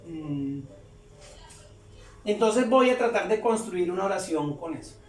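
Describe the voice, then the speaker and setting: Woman teacher, very slow and careful delivery, recorded far from the mic with faint background noise. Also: fairly low pitch, expressive. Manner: repeats each example slowly and deliberately. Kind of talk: slow explanatory lesson. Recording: roomy echo, distant from the mic, faint background hum.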